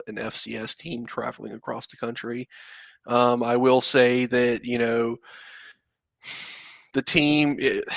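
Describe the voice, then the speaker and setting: Casting: gravelly-voiced man in his thirties, casual podcast co-host, rambling chatty delivery, dry close sound. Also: mid-range voice, fairly bright tone, no echo. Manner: rambling, conversational, many fillers and asides. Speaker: podcast co-host, Florida fan. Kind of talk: casual sports chat.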